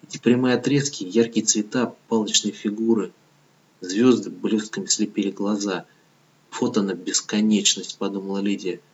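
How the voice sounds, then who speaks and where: Low-voiced man narrating an audiobook. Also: steady tone, normal speed, darkish tone, dull audio. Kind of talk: scripted narration.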